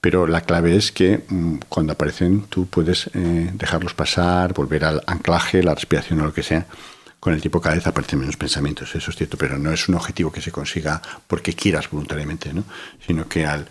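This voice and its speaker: Deep husky-voiced man. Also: steady tone, brisk. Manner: reflective, many "¿no?" tags and restarts. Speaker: psychiatrist guest. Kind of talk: calm explanatory interview talk.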